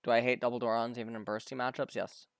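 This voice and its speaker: A man's voice: mid-range voice, level tone, quick pace, vocal fry, clean tone, no echo, studio quality. A man streaming live, casually commenting on a pro match, often stumbling, repeating words and answering viewers' questions.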